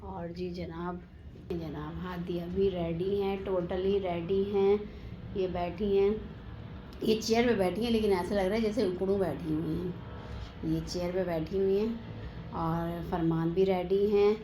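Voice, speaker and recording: A woman's voice: fairly low pitch, fairly even intonation, measured pace, warm tone, slight background noise. A woman family vlogger, chatting casually to her viewers and calling them "janab" as she films herself on a phone. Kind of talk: casual vlog narration. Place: at home and at a family birthday party.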